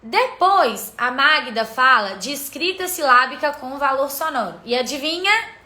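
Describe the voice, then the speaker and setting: A woman teacher with a high, bright voice leads a live-streamed literacy lesson. She explains step by step, keeps pointing her viewers to the examples, and greets them as they join. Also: animated, unhurried.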